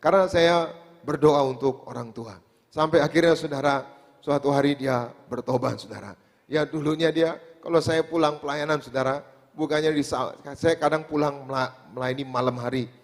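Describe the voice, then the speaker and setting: A man's voice: a little high, moderate pace. Male pastor preaching, casual storytelling, keeps saying brother, big echoey church. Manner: addresses the congregation as "saudara" constantly, drops to quiet asides. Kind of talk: sermon storytelling. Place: church hall. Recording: long hall reverb.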